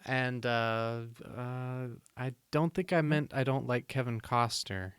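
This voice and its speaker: A man's voice: mid-range voice, slow, a bit bright. A man co-hosting a podcast, joking and wry in casual chat. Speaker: podcast co-host.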